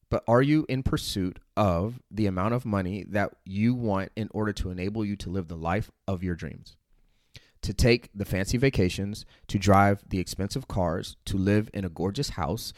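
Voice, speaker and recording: A low-pitched man talks intensely about fitness and drive. He fills his talk with "like" and "right?" and swears casually as he pushes his listeners. The sound is dry and close. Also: dry recording. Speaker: fitness company owner. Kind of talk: motivational talk.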